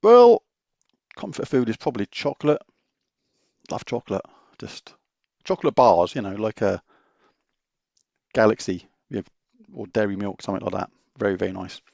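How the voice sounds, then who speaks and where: Speaking at normal speed with long pauses, this British gaming host has a fairly low, slightly mellow voice with vocal fry and lively intonation. The middle-aged man fields viewer questions in a casual chat, open and matter-of-fact, rambling and restarting. The audio is dry and dull.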